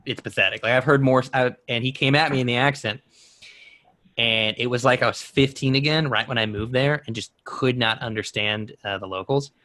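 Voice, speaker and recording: A man's voice: mid-range voice, fairly even intonation, fairly quick, bright, forceful tone, dry recording. A man in his twenties co-hosting a podcast, rambling through a story and laughing at himself. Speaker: podcast co-host. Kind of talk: casual chat.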